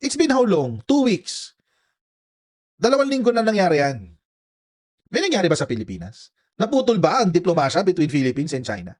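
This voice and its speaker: Man, very high voice, sarcastic, taunting commentary. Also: big pitch swings, normal speed, pauses often, a little mellow. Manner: sarcastic, taunting, laughs often. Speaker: political commentary vlogger. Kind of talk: mocking commentary over clips.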